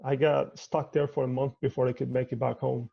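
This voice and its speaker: A man's voice: mid-range voice, little pitch movement, creaky, husky, lo-fi sound. A man from Cuba, an artist talking thoughtfully in a video call interview from home, often restarting his sentences. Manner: measured, thoughtful, with frequent restarts.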